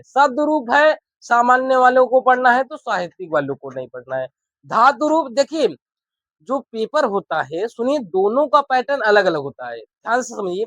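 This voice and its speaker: A male teacher giving an exam-prep lecture, insistent and emphatic, who keeps asking students whether it is clear and repeats his points. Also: very high voice, fairly bright tone, no room sound.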